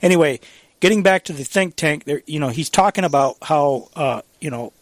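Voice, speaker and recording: A man's voice: a little high, expressive, moderate pace, no echo. A man hosting a live radio talk show, speaking casually with fillers, restarts and little chuckles. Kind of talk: casual political commentary.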